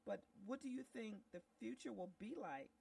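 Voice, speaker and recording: A woman's voice: fairly high pitch, moderate pace, vocal fry, mellow, breathy edge, recorded from a distance. A woman co-hosting a radio interview, asking earnest, puzzled questions.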